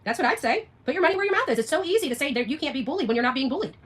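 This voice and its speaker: Expressive and very fast, a woman with a high, slightly bright voice hosts an unscripted livestream rant. She argues emphatically and combatively with viewers responding to their comments, repeating herself and firing rhetorical questions.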